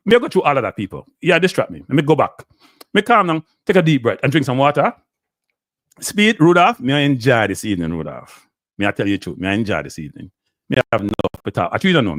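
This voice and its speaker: A middle-aged man with a Jamaican accent and a mid-range voice hosts a live stream, ranting and lecturing viewers while answering chat. He slips in and out of patois, and the recording is studio quality with no echo.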